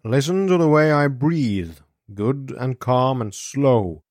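A man voicing a brisk, gruff American doctor in his seventies who turns soft and coaxing with a patient. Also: mid-range voice, expressive, no room sound, clean studio sound, pitched above the performer's own voice. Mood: soothing. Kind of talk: audiobook character voice.

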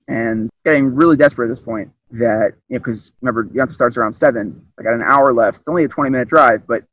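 A young man casually retelling a personal story, rambling and animated, often restarting his sentences. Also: mid-range voice, quick pace, lo-fi sound.

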